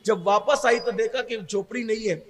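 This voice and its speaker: High-pitched shouting preacher in a hall. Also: male voice. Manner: swings between hushed storytelling and shouted exhortation. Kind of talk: impassioned sermon. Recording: long hall reverb.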